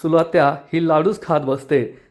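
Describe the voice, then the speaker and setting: A man narrating a serial episode recap in a steady, scripted storytelling voice. His voice sits a little higher than most men's. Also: moderate pace. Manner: steady storytelling, then quoting characters.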